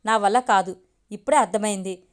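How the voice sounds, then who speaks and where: A woman voicing a scheming young man who smoothly pressures his girlfriend in a storybook. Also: medium pitch, a little fast, natural voice. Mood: pressuring. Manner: insistent, smooth-talking.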